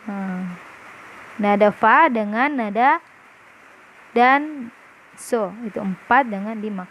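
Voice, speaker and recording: A woman teacher with a fairly high voice goes through a lesson review for her pupils, patient and step by step. She keeps checking that they follow. A faint hiss sits under the recording. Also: fairly bright tone. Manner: patient, explaining step by step, often asks "paham?". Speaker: primary school teacher. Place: classroom with a whiteboard.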